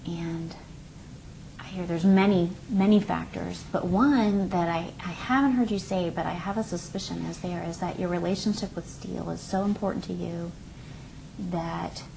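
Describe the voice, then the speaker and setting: A woman acts out a calm female couples therapist with a fairly low voice. She probes gently and reflects back hesitantly, in a therapy role play recorded with some faint room noise. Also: moderate pace, creaky, rough recording. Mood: calm, probing.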